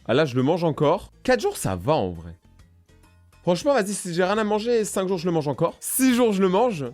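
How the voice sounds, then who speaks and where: A young man joking his way through casual reaction commentary, excitable and hopping from one topic to the next. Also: sits high, fairly quick, soft background music. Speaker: YouTuber reacting to videos.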